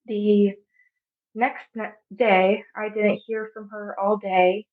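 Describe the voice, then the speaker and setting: Young woman, 20s, from Arizona, soft halting storyteller, narrow phone-like audio. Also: mid-range voice, level tone. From Arizona, USA. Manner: soft, halting, with frequent pauses. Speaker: podcast guest. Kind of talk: personal storytelling.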